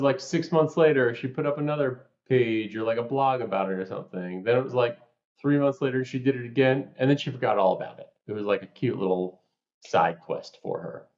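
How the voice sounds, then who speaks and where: A man from New York co-hosting a podcast, explaining ideas through lively stories and examples. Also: mid-range voice. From New York, USA. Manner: animated storyteller, explains with examples. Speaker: podcast co-host. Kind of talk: casual podcast chat. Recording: roomy, slightly dull sound.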